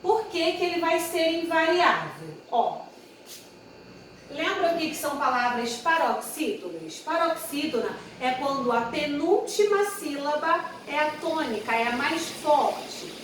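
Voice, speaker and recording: A woman's voice: high voice, very animated, a little slow, fairly bright tone, slight background noise. A woman teaching a grammar lesson, patiently repeating each example and correcting herself as she writes on a board. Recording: echoey room, voice far from the mic.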